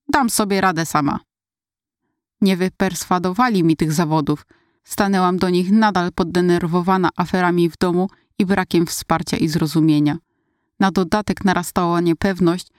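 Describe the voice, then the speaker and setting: A woman narrating a first-person story in a steady, inward-looking retelling. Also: lowish voice, no echo, clean studio sound.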